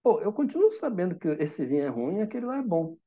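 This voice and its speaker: Guiding a calm, reflective meditation, a Brazilian Portuguese-accented man poses questions to listeners and uses simple examples to teach. He speaks with a high-pitched voice at a quick pace, and the audio is lo-fi.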